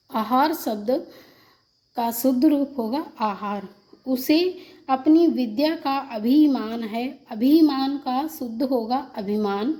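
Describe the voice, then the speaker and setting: A woman's voice: sits high, dark tone. A woman teaching a Hindi spelling lesson for an exam, reading example sentences and then repeating each word in its correct form.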